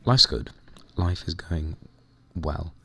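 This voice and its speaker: A young man with a hoarse, croaky voice, chatting casually and rambling while playing a computer game. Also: deep voice, takes it slowly, a bit bright, faint music behind. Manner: rambling, chatty, mild swearing. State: hoarse, recovering lost voice. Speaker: gaming vlogger. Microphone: desk microphone at computer.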